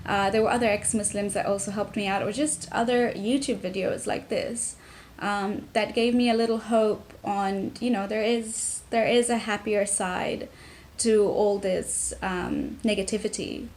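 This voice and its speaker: A woman's voice: mid-range voice, steady tone, measured pace, a little mellow. Reflective young woman with faint noise. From Tanzania. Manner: reflective, frequent ums and restarts. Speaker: vlogger. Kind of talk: personal talk to camera.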